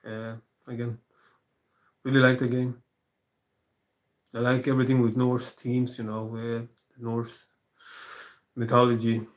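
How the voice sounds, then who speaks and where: A man, talking alone to a live-stream audience in a soft-spoken, rambling way with many pauses and fillers. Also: medium pitch, completely flat delivery. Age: 40s. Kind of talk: casual live-stream monologue.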